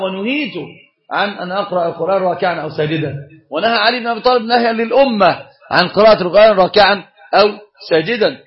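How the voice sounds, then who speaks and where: Animated high-voiced man teaching fast. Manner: animated, asks questions to the class and answers them. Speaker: Islamic scholar teaching a course. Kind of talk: religious lesson. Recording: dull lo-fi recording.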